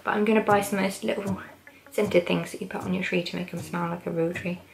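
A woman's voice: on the low side, fairly even intonation, fast, vocal fry, low-quality recording. A British woman in her twenties chatting casually to the camera in a small room at home. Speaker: vlogger. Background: background music.

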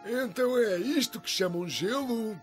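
Slow-talking old frog sultan. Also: female voice, a little high, animated, faint music behind. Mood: curious. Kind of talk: Portuguese cartoon dub.

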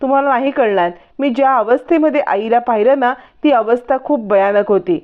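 A woman's voice: fairly high pitch, fairly quick, close to an everyday voice. Woman voicing a scheming young woman, melodramatic, wailing, lo-fi recording. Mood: distraught. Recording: dull lo-fi recording.

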